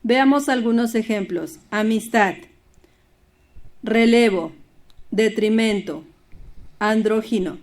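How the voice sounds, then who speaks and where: A woman teaching a primary school Spanish lesson, explaining steadily and reading poems and word examples aloud. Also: a little high.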